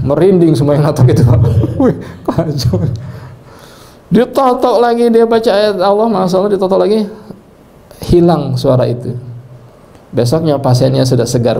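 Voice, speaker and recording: A male preacher and healing trainer telling animated stories to a live training audience, addressing listeners directly and often breaking into devout exclamations. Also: on the high side, vocal fry. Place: indoor training session with an audience.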